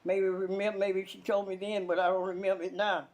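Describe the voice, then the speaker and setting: A quick-paced, slightly mellow woman's voice of medium pitch shows little pitch movement. Elderly and in her nineties, this Louisiana interviewee has a Southern US accent and shares casual oral-history memories in plain words, repeating words and restarting sentences often.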